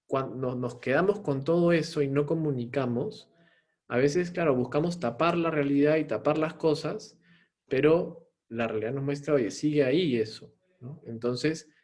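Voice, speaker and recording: A man delivers a lecture in a plain mid-range voice. He explains step by step in a measured teaching manner. He often checks in with a questioning tag at the end of a phrase. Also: medium pitch, a little mellow. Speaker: psychologist giving a talk. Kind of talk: lecture on mental health.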